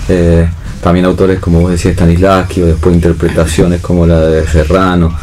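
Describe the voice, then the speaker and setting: An Argentine theatre director and actor, appearing as a panel guest, reflects aloud in an unscripted discussion, searching for words and often checking in with tag questions. His low, mellow voice is completely flat and a little fast, with slight background noise.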